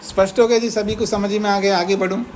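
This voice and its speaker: A man lectures a class in an ashram, moving steadily through a classical text. He reads each Sanskrit line slowly, then explains it in plain talk and asks his students whether they follow. A faint hiss and the hum of the room sit under his voice. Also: high voice, little pitch movement, poor audio. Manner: slows to read the Sanskrit text aloud. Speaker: teacher of philosophy.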